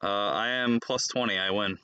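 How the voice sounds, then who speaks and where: A man streaming a card game, chatting casually, playful and teasing, sometimes breaking into excited laughter. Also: on the low side, moderate pace, clean tone, no echo. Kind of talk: casual chat while playing a card game.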